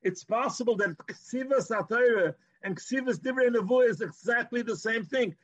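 A man teaches religion in a high-pitched voice with a Yiddish-inflected accent. He argues through rhetorical questions and repeats words as he builds each point. The sound is dry and slightly dull. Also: moderate pace, fairly bright tone, breathy edge, no room sound. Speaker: Torah teacher. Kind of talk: informal religious lecture.

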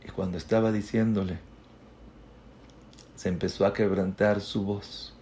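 A man telling a moving story in a sermon, swinging between loud outbursts and hushed tones. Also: lowish voice, steady tone, a little slow, a little hiss or hum. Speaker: religious teacher.

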